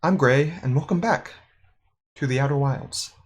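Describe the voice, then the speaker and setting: Husky young man narrating a game playthrough. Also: medium pitch, moderate pace. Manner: chatty, reads game logs aloud, thinks out loud. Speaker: gaming YouTuber. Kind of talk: casual let's-play commentary.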